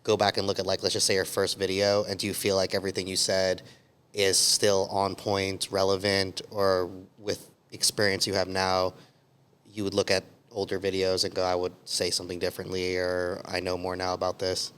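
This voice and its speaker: A man hosting an interview, asking calm, measured questions. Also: deep voice, clear, resonant tone. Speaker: podcast host.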